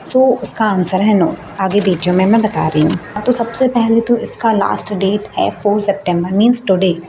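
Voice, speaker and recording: A young woman student talks casually in a vlog. She reads form text out slowly and then explains it in Hindi. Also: medium pitch, background noise. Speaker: student vlogger.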